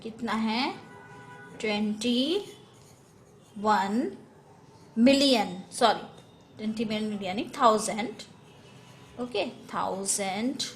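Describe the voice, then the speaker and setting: Slow, patient Hindi math teacher woman. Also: a little high, slight background noise. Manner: slow, step-by-step, self-correcting, mixes English number words. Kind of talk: classroom math lesson.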